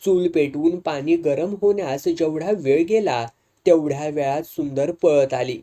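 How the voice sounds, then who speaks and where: Give me a measured, dramatic narrator of a serialized novel with a warm, dark tone. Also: mid-range voice.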